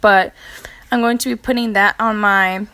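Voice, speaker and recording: A young woman talks through her makeup routine like she is chatting with a friend. She is casual and informal, slips in fillers, and corrects herself now and then. She has the hiccups, and her voice sits at an ordinary middle pitch. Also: fairly even intonation, moderate pace, bright, forceful tone. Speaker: beauty vlogger. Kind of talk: casual makeup tutorial narration.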